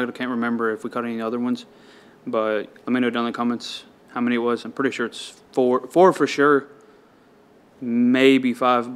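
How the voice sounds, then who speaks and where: This man has a smooth, medium-pitched voice and keeps things relaxed and slangy while vlogging his fishing trip beside the ponds. Catches get him excited. The outdoor camera sound is noisy.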